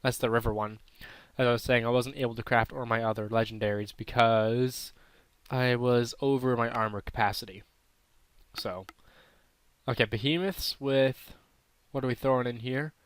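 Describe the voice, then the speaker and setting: A man's voice: medium pitch, steady tone, normal speed, smooth, dry recording. A man with a throat irritation giving casual, unsure, self-correcting commentary while playing a mobile game. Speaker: gaming channel host.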